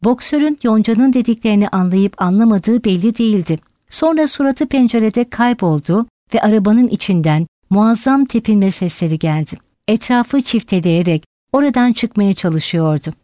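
A woman narrating an audiobook in a steady, dramatic reading style. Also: medium pitch, moderate pace, no room sound, clean studio sound. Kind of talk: scripted narration.

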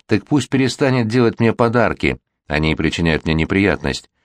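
A man's voice: sits low, expressive, moderate pace, no room sound. A man voicing an unhappy young woman who dreads her wedding, in a read-aloud storybook. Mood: gloomy. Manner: pleading, gloomy. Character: sad reluctant young bride-to-be, quiet.

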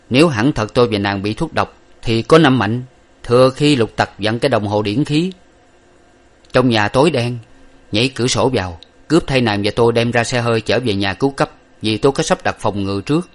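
A man's voice: medium pitch, fairly quick, lightly acted. A man voicing an earnest young man who reassures his beloved, in an audiobook of an old novel. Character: earnest young man, lover bound for study abroad.

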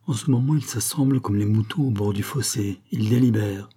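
A man's voice: fairly low pitch, a little fast, dark tone, husky. A man reading an audiobook, voicing a grave, brooding male doctor and philosopher who lectures earnestly. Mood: lecturing.

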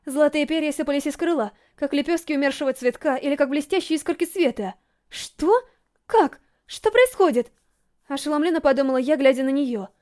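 A woman reading a first-person novel aloud as an audiobook narrator, with dramatic, emotionally expressive storytelling. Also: high voice, fast talker, hardly any pauses.

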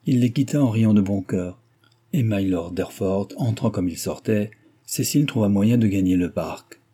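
A male audiobook narrator reading a period novel at a measured, even pace. His voice is low and husky. The tone is dark and mellow throughout. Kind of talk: scripted narration.

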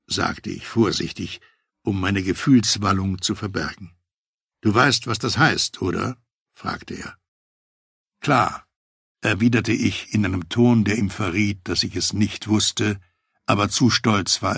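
A man narrating a first-person memoir audiobook in a measured, matter-of-fact way. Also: on the low side, steady tone, creaky, a bit bright, slightly rough, no echo, studio quality.

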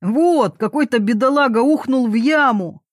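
A woman reading an audiobook, voicing an excited young male TV presenter who shouts loudly. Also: high voice, normal speed, no echo, studio quality, close to an everyday voice. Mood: shouting. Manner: loud, shouting.

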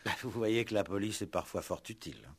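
A man with a lowish, lively voice talks briskly with a breathy edge. He plays a wry, insistent police commissioner in a 1960s French radio play, probing with mock politeness and pointed repetition.

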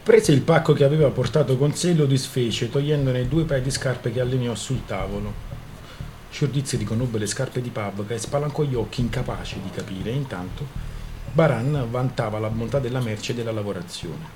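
A man's voice: medium pitch, moderate pace, background noise. Man reading a novel aloud on radio. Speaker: narrator, radio reader.

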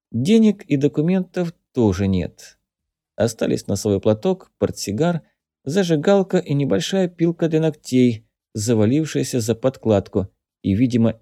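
A man narrating an adventure novel as an audiobook in a steady, measured reading. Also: medium pitch, dry recording, clean studio sound. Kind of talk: scripted narration.

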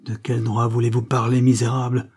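A man's voice: mid-range voice, completely flat delivery, fairly quick, darkish tone, natural voice. A man voicing a stern young doctor who coldly accuses and passes judgment, read in a storybook. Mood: scornful.

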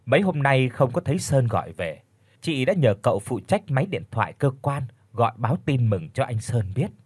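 A man reading a story aloud as an expressive audiobook narrator. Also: mid-range voice, normal speed, husky, no echo. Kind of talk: scripted narration.

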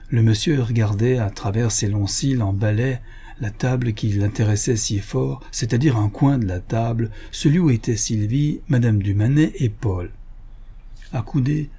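A man reading a literary novel aloud as an audiobook narrator, lifting his pitch slightly for the characters' lines. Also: mellow, breathy edge. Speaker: audiobook reader.

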